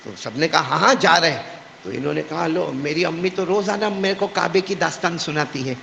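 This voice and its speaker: A man's voice: on the high side, gravelly, slight background noise. A male preacher telling a story in a sermon, calling on the gathering to answer him. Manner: lively, calls on the audience to answer. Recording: echoey hall with long reverb.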